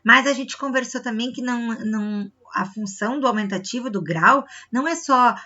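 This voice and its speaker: A woman's voice: on the high side, normal speed, bright, forceful tone, muffled recording. A woman teacher from Brazil, giving a recorded review lesson to children, explaining step by step and often checking in with short questions. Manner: stretches words to show the stressed syllable.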